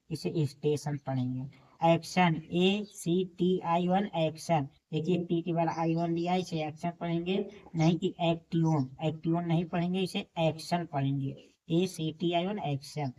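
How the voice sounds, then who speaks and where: A woman's voice: sits low, mellow. A woman teaching English pronunciation in a classroom lesson, spelling out each word letter by letter and then repeating the correct form. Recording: dull lo-fi recording.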